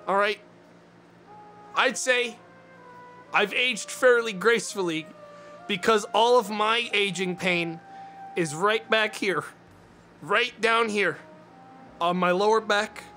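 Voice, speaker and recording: A man in his twenties talks casually to his stream chat from a small dim room. He rants with mock indignation and swears freely. His voice sits high and bright, with faint music underneath. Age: 20s.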